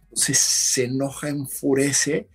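A man, a podcast guest, telling a story in casual conversation, animated and acting out what others said. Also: medium pitch, slow, husky, soft background music. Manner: animated storyteller, acts out shouted quotes.

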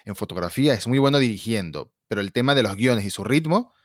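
A man's voice: fairly low pitch, animated, fast talker, no room sound, studio quality. A man hosting a casual film chat, talking expressively and acting out quoted lines.

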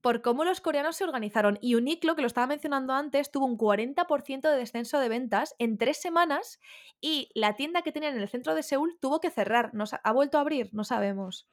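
A woman's voice: high voice, fast talker. A woman from Spain co-hosting a podcast in casual chat, playful and chatty, acting out quoted voices. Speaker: podcast co-host.

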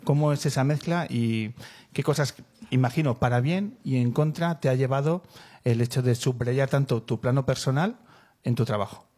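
Measured male radio interviewer. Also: mid-range voice, dark tone.

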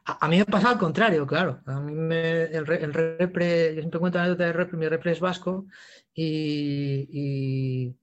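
High-voiced Asturian man telling stories. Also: highs cut off, faint music behind. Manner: animated storyteller, halting restarts, acts out voices in anecdotes. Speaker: actor and writer, guest. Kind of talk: casual interview chat.

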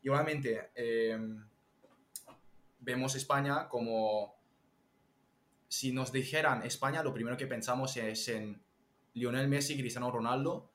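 A young man from Spain, a TikTok strategist, chatting as an interview guest and explaining things lively with examples. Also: medium pitch, measured pace, long pauses, slight background noise. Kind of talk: casual interview chat. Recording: echoey room.

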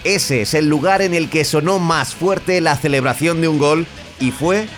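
Guy telling a football story, chatty narration, slightly high voice, music playing underneath. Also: unhurried. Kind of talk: conversational scripted sports storytelling. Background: guitar and music.

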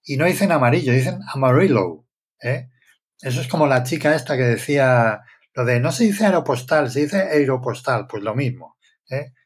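A man's voice: medium pitch, lively intonation, fairly quick, slightly rough. A man who is a scientist co-hosting a podcast, explaining things with examples in casual chat.

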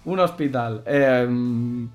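A man's voice: mid-range voice, extremely slow, soft background music. A man with a Spain Spanish accent co-hosting a casual chat show, joking and sarcastic. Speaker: podcast co-host.

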